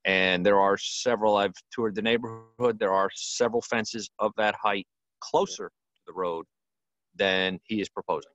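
A man serving as a town official, explaining and correcting a point in a measured way over a call. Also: on the low side, steady tone, a bit bright, no echo, lo-fi sound. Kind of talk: video call meeting.

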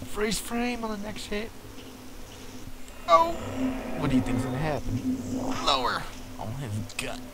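Goofy guy doing a lets play, lowish voice swings all over, swears, really noisy game audio behind. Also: very animated, unhurried, gravelly, long pauses. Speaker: let's play gamer. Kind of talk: casual game commentary. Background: shooter game sounds.

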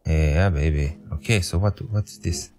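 A young Romanian-speaking man commentates a game in a deep, rumbling, mellow voice at a measured pace. He thinks out loud, pokes fun at his own intelligence, and begs the game to cooperate.

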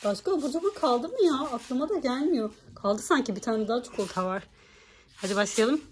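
A high-pitched woman hosts a casual family vlog, playfully teasing her younger siblings as she runs a game. She laughs often and stretches out her game calls. Her tone stays light and chatty throughout. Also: animated, fairly quick, a little hiss or hum.

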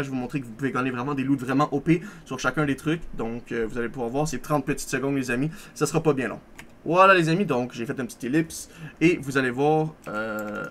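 Fast-talking young man touring his game server. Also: fairly high pitch, fairly bright tone, slight background noise. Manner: rambling, self-correcting, upbeat asides. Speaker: server owner giving a tour. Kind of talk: casual gameplay walkthrough.

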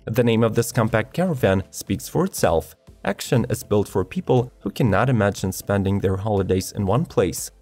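A man narrating a scripted product video in an even, measured read of specifications. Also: fairly low pitch. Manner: even, measured reading of specs. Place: studio voice-over. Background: faint background music.

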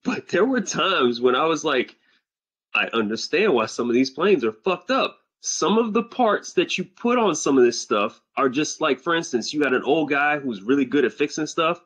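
Husky laid-back man. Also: medium pitch, fairly bright tone. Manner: laid-back, swears casually. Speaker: podcast co-host. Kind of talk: casual group chat. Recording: muffled lo-fi podcast audio.

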